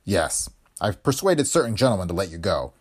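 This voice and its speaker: A hard-nosed secret agent from a 1930s pulp adventure, played by a male narrator. His orders come out harsh and commanding, with a husky voice on the low side. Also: very animated, fairly quick, heavily acted. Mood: urgent. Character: tough, determined adult male secret agent hero.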